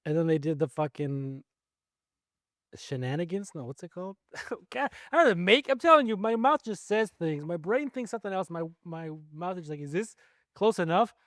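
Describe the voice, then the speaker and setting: Rambling higher-voiced guy chatting. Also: sing-song, moderate pace, fairly bright tone, no room sound, studio quality. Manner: rambling, self-correcting, swears casually. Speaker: podcast co-host. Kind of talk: casual chat.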